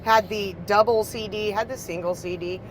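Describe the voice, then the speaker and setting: A woman from Texas speaking as a podcast guest, in a mid-pitched voice. She gushes and swears casually. Clear background noise runs under her voice, as if from inside a car. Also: steady tone, moderate pace. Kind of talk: casual chat.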